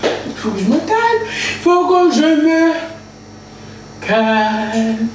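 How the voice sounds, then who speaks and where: A woman's voice: high voice, big pitch swings, very slow, recorded from a distance. A woman chatting casually on a live stream from her home kitchen, playful and chatty, often singing to herself. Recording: echoey room with background noise.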